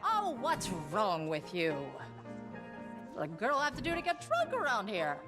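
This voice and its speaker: A high-voiced British woman, the drunken town lush of a Western game. Her delivery is theatrical, bawdy and self-pitying, swinging widely in pitch, with music behind her. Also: huge pitch swings, unhurried. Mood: impatient, demanding. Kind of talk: video game character acting.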